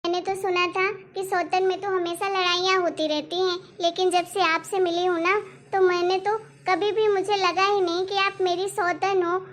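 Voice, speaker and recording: A woman voicing a gentle young pregnant second wife in a cartoon story, speaking softly and fondly. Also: very high voice, level tone, moderate pace. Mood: affectionate. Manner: soft, affectionate.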